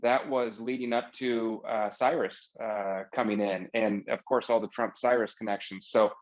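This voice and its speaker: A man's voice: lowish voice, steady tone, normal speed, muffled recording. A man hosting an interview on a video call, affirming his guest and using many fillers. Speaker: interviewer host. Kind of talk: casual interview chat.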